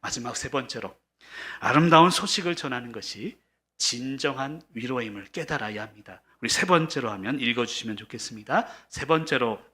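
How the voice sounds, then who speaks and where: A man's voice: mid-range voice, a little fast, bright, forceful tone. A middle-aged man preaching a sermon as pastor, earnest and building to emphatic peaks.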